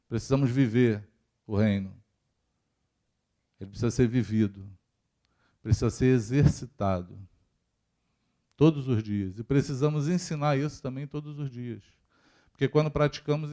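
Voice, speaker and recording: A man's voice: mid-range voice, mellow. A man with a Brazilian Portuguese accent preaching a sermon in a church, talking to the congregation and asking it questions as he goes. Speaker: pastor.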